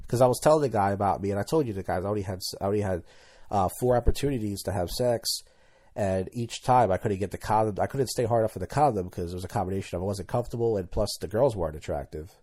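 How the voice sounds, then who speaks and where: A man's voice: on the low side, fast talker, dark tone. A man in his thirties hosting a solo podcast, talking casually and candidly, rambling and tripping over his words as he goes. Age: 30s. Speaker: podcast host.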